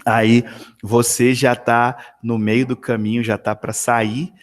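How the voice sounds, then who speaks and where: A man tutoring math one-on-one over a video call, chatting in an animated, storytelling way with many tag questions. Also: mid-range voice, takes it slowly.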